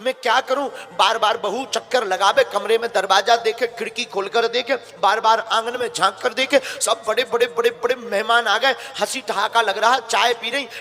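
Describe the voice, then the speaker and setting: A man's voice: very high voice, fairly even intonation, normal speed, few pauses, sharp tone. A male preacher telling a moral story in a sermon, stressing his points with repeated rhetorical questions to the audience. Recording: long hall reverb, faint music.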